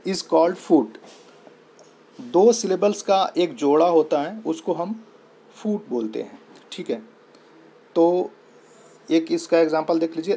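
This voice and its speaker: A man's voice: on the high side, dark tone, husky. A young man with an Indian accent teaching a lesson, patient and repetitive, spelling words out letter by letter. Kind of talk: explaining lesson in Hindi-English mix.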